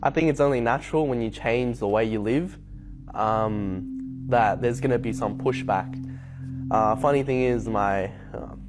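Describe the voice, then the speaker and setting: A young man from Hong Kong telling his personal story to camera, reflective and unhurried, with frequent ums. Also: medium pitch, a little mellow. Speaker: convert sharing his story. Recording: faint music bed behind voice.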